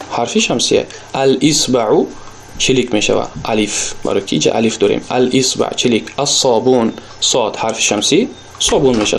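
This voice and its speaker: A man with a Tajik accent gives a recorded Arabic lesson in a mid-pitched voice. He speaks patiently and repeats each word slowly so students can drill it. A faint hiss of noise sits under the recording. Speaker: Arabic teacher.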